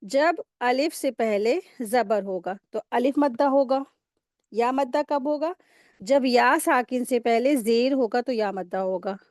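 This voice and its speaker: A woman with a high, light voice teaches a recitation class, laying out each rule patiently and repeating it so students can memorize it. She slows to a crawl to sound out letters and stretch vowels. The recording is dry and close, with no room sound. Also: a little mellow, no room sound. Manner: slow drawn-out syllable-by-syllable demonstrations. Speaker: tajweed teacher. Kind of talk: online recitation lesson.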